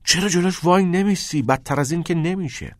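A man doing a loud brash schoolboy. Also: on the high side, no room sound, clean studio sound, voice pushed up, natural voice. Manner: loud, pushy, exasperated. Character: teenage boy, brash joking schoolmate.

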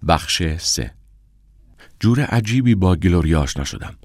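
A man narrating an audiobook in the first person, with a measured, somber reading. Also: sits low, animated, creaky, no room sound, studio quality.

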